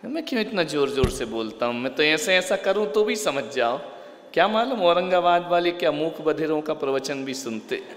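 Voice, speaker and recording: A man preaching a sermon, swinging between booming lines and quiet asides, with humor and little acted scenes. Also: normal speed. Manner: animated, swings from loud to quiet, mimes, jokes. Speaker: Jain preacher. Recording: echoey hall with long reverb.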